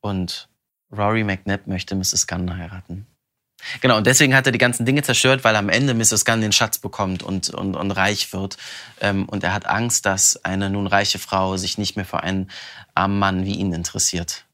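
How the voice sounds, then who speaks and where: A man, a voice actor, chatting animatedly in an interview, talking in quick bursts and often laughing. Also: low-pitched, steady tone, sharp tone. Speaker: voice actor interviewed about his audiobook. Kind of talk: casual interview answers.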